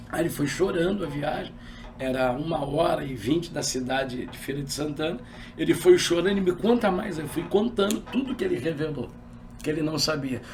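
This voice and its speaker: Um pastor de meia-idade, homem com sotaque carioca, contando seu testemunho numa entrevista de forma animada e dramatizando os diálogos. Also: male voice, a little high, vocal fry, distant mic, a little hiss or hum. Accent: carioca Brazilian Portuguese. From Rio de Janeiro. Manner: animated storyteller, acts out dialogue. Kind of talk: personal testimony in an interview.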